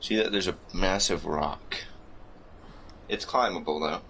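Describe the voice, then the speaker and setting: A man narrating as game master of a tabletop game, halting often with uhs. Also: sits low, fairly bright tone, a little hiss or hum, rough recording.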